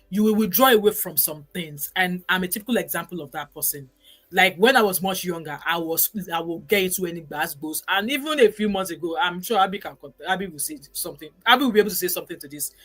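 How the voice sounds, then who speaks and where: A woman's voice: on the low side, fairly bright tone. A Nigerian woman in her forties hosting a casual live stream, reading viewer comments in an emphatic, chatty way and dropping in pidgin words. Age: 40s.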